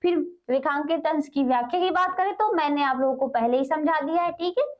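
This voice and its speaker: Female tutor, high-pitched, slow verse reading then plain explanation, muffled recording. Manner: repeats "ठीक है" and "क्या है" as fillers, reads verses slowly. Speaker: teacher. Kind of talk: explaining Hindi poetry for exams.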